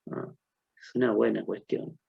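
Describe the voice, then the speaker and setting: Gravelly man lecturing on methods. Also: lowish voice, fairly even intonation, a little slow. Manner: thinks aloud with rhetorical questions and worked examples. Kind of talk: recorded lecture. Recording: dull lo-fi lecture recording.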